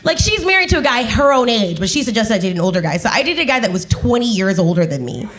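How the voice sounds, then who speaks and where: On a club stage, a woman in her twenties performs stand-up comedy, animated and imitating other people's voices. She talks fast in a voice on the high side.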